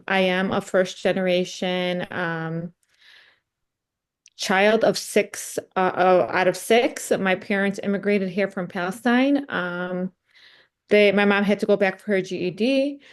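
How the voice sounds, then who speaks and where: A woman graduate student giving a straightforward, slightly hurried self-introduction in a group meeting. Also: mid-range voice.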